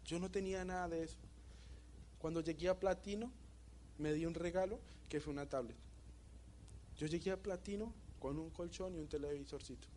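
A young man with a Bogotá Colombian Spanish accent, giving a motivational talk and telling a story with animated energy, often asking the audience questions. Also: a little high, moderate pace, long pauses, a little hiss or hum. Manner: animated storytelling, asks the audience questions, laughs at his own jokes. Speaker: motivational speaker.

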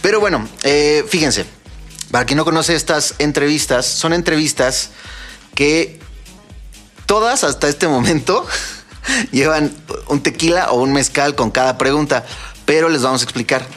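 A young Mexican man hosting a casual music podcast, joking and quick with lots of fillers. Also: fairly high pitch, a bit bright. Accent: Mexican Spanish. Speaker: podcast host.

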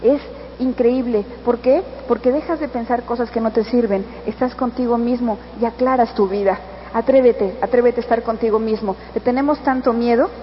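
A woman's voice: fairly high pitch, moderate pace. A woman with a Mexican accent giving an earnest, coaxing motivational speech at a convention, addressing the listener directly. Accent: Mexican Spanish. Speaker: motivational speaker. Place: convention hall. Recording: echoey hall, dull sound, faint noise.

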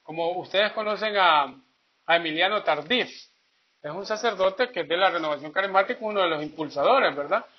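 Male preacher, high-pitched and chatty, on a muffled lo-fi recording. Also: a little fast. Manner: folksy, tells jokes, keeps asking "¿verdad?". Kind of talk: sermon. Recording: dull lo-fi recording.

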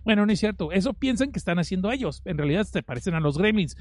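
Rich: A fairly high-voiced man with a Mexican accent recaps a film for his podcast. He rambles and jokes, cutting himself off mid-sentence to add asides. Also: expressive, quick pace, slight background noise. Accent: Mexican Spanish. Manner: rambling, joking, self-interrupting. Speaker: podcast host.

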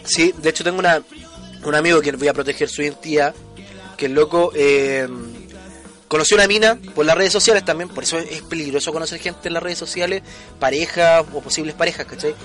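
A young man with a Chilean accent rattles through a story at a racing clip, his voice high and bright. He talks in thick street slang and acts out the voices in his anecdotes. Faint music sits underneath the chat. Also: brisk. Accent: Chilean Spanish. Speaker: podcast co-host.

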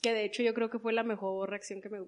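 Una mujer joven con acento mexicano cuenta de forma animada una historia personal en una entrevista e imita las voces de otras personas. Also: female voice, mid-range voice, quick pace. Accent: Mexican Spanish. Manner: animated, acts out quoted voices. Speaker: guest. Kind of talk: personal storytelling.

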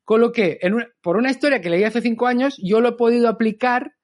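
High-voiced chatty man. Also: fast talker. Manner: lively, chatty, acts out quotes. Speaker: communicator and trainer. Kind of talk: podcast storytelling talk.

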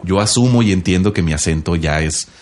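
A young voice-over announcer from northern Mexico with a northern Mexican accent co-hosts a podcast in a low-pitched, brisk voice. The chat is casual and joking, and he is relaxed and laughs often.

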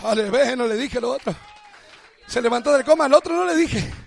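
A male pastor delivering a fervent sermon that swells into shouted, sing-song exhortation and repeated declarations. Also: very high voice, a little fast, vocal fry.

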